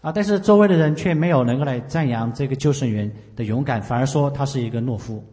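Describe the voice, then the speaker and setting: A man interpreting a sermon live, talking quickly with frequent "ah" fillers. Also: medium pitch, warm tone. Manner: rapid, with frequent "ah" fillers and restarts. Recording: echoey hall with long reverb.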